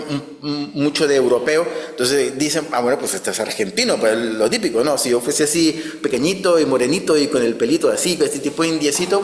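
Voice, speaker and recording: A man's voice: on the high side, a little hiss or hum. A man preaching a conversational sermon, often ending his phrases with a questioning tag. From outside Spain. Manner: frequent "¿no?" tag questions, restarts. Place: church hall. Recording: echoey church hall.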